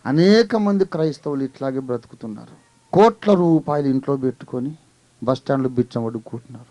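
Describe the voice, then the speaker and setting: A man's voice: mid-range voice, lively intonation, fast talker, mellow, no room sound. Fervent male pastor preaching. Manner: fervent, storytelling, with rising hallelujah exclamations. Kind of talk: sermon.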